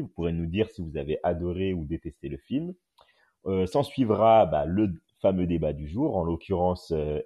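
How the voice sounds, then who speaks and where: A man's voice: low voice, dark tone, slightly rough, lo-fi sound. A man hosting a casual live podcast room as a journalist, talking with lots of hesitant filler sounds over a phone mic on an audio app. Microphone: phone on an audio chat app.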